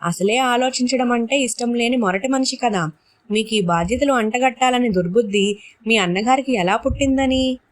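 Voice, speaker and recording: A sharp-tongued village woman mocks and needles in a read-aloud story, as a woman reader puts her on. Her voice sits fairly high, with a teasing edge of laughing scorn. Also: normal speed, close to an everyday voice. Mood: mocking.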